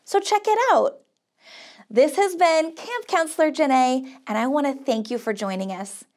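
At a moderate pace, a high-voiced American woman with a slightly mellow tone talks young children through a craft on a small indoor studio set. She is upbeat and encouraging, like a camp counselor, giving simple step-by-step explanations and sing-song praise.

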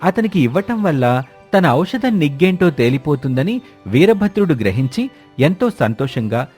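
A man's voice: a little high, big pitch swings, moderate pace, a little mellow, husky. Male storyteller over faint music. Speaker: narrator. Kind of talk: storybook narration.

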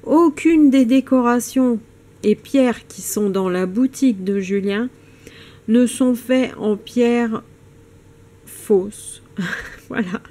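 A woman's voice: a little high, dark tone. A woman presenting stones in a casual vlog, hesitant and stumbling, with many fillers and restarts. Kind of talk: casual show-and-tell vlog.

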